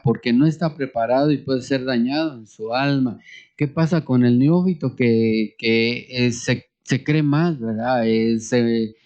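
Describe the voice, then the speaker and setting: A male pastor with a Mexican Spanish accent preaching and then praying fervently. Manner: fervent, rising in pitch during prayer. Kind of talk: sermon and prayer. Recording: dull lo-fi sound with loud guitar music.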